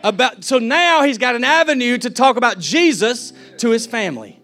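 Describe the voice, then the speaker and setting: A man's voice: very high-pitched, lively intonation, moderate pace, fairly bright tone. A man preaching a fervent sermon as a pastor, acting out the people he quotes.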